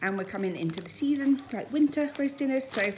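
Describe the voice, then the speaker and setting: High-pitched and animated, a British woman in her thirties talks fairly quickly as she narrates a casual grocery haul. The family vlogger, from the UK, films indoors in her dining room amid background noise.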